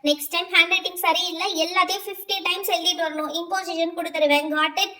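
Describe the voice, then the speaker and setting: Nagging, lecturing doll-show teacher, played by a woman, shrill and off-mic. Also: flat delivery, quick pace, pushed and bright, recorded from a distance. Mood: scolding. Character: strict scolding female schoolteacher. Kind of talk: doll-play voice acting.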